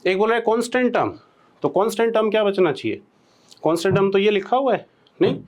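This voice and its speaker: A man with an Indian accent teaching maths from a board, often checking in with rhetorical questions and slowing down to dictate formulas. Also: high-pitched, animated, darkish tone. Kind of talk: blackboard lecture.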